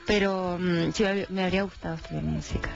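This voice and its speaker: A young Chilean woman with a Chilean accent, chatting casually and candidly as a singer guest in a radio studio, speaking into a desk mic with fillers and pauses. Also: on the low side, over music. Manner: relaxed, candid, hesitant with fillers. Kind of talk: casual interview chat. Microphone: desk microphone. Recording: dull lo-fi sound.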